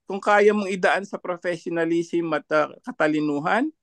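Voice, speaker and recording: A man's voice: high voice, moderate pace, no echo. A man commenting as a panelist in an online discussion, mocking and laughing often between his points.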